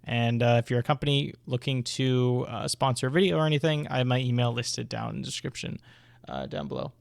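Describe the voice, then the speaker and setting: A man's voice: medium pitch, fairly even intonation, fairly quick, gravelly, no room sound. A man chats through a gear review on a dynamic USB mic, with a mid-range voice and a dry sound. His delivery is casual and unscripted. He hesitates and rambles from one thought to the next. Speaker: video host reviewing audio gear. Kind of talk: casual product review chat. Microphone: USB dynamic microphone on an arm.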